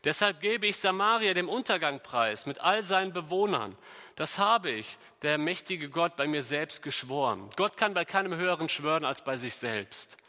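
A middle-aged man preaching a sermon, reading scripture aloud and moving between loud emphasis and quiet asides. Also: a little high, expressive, moderate pace. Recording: long hall reverb.

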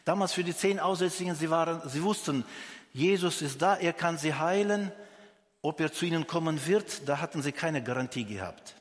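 A man's voice: fairly high pitch, moderate pace, big-room sound. A man preaching a sermon, earnestly asking the listener direct questions, with frequent restarts.

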